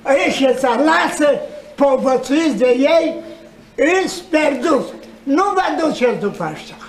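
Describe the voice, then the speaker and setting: A man from Romania preaching a fervent sermon, breaking into shouts and tearful tones. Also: very high-pitched, lively intonation. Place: church hall. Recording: echoey church recording.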